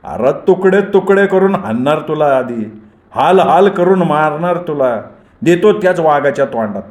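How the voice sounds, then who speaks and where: A man voicing an enraged young village man who shouts threats in a storybook reading. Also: fairly high pitch, animated, a little slow, voice pushed up. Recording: roomy echoey recording.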